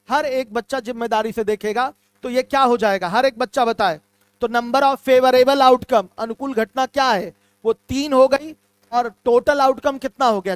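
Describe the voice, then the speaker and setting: Patient male math teacher, clear smooth voice, dry close mic, says everything twice. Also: very high voice, no room sound. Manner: patient, repeats key terms, calls students "my children". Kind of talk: online class lecture.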